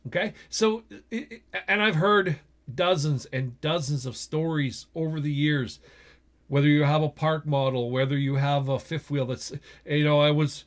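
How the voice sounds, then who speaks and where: A man's voice: fairly high pitch, moderate pace. A middle-aged man with a Western Canadian accent, talking casually and with opinions in an explanatory vlog, checking in with the listener as he goes, recorded indoors in a small space. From Edmonton, Alberta, Canada. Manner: conversational, opinionated, often asks "okay?" and "right?". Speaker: vlogger, RV store general manager.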